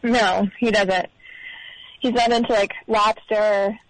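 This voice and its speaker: A woman's voice: medium pitch, fairly even intonation, slow pace, no echo. Woman chatting over a phone line. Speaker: caller. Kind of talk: casual chat. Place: in a car.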